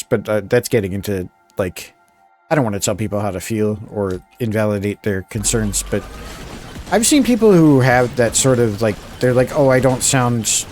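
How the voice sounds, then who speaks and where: A man from the suburbs, chatting casually on a live stream, mumbling a little, talking fairly slowly and rambling with restarts. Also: medium pitch, darkish tone. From Philadelphia suburbs, USA.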